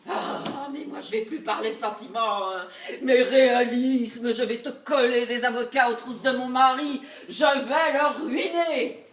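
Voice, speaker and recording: An actress playing a scheming, vengeful jilted wife in a live stage comedy, laughing and swinging between loud outbursts and low asides. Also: female voice, normal speed, gravelly, few pauses, a little hiss or hum. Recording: echoey stage recorded from far off.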